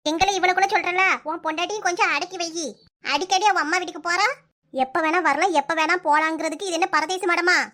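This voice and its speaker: A woman voicing a sharp-tongued, bossy older mother-in-law in a comic cartoon, with a Kanyakumari Tamil accent and a nagging, rapid-fire way of scolding. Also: very high-pitched, steady tone. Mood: complaining.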